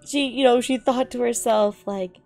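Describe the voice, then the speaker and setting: A young streamer whose first language isn't English reads fan fiction aloud and reacts casually, slangy, profane, giggly and exasperated. Her voice is fairly high, gravelly and a little mellow at normal speed, with faint music in the background.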